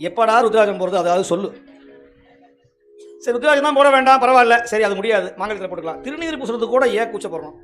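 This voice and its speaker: A man giving a lively, humorous devotional sermon as a Shaiva religious speaker, often acting out other people's remarks. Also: sits high, quick pace, soft background music. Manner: lively humorous preaching with acted quotes.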